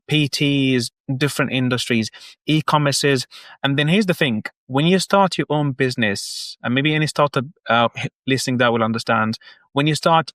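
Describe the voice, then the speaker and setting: A man's voice: medium pitch, a bit bright, no echo. A man from Egypt in his thirties, a guest on a business podcast, explaining his work earnestly step by step. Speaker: guest, marketing agency founder. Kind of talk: casual podcast interview.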